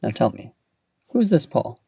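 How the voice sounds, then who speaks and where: A man voicing a sharp, suspicious wife in a spoken comic story. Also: fairly low pitch, a little fast, breathy edge, dry recording, clean studio sound.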